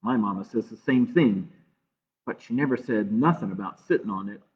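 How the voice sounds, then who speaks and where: A man's voice: on the low side, normal speed, lightly acted. Muffled phone-like sound, man as young storybook girl, friendly, folksy, forthright. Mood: confiding. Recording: muffled phone-like streaming audio.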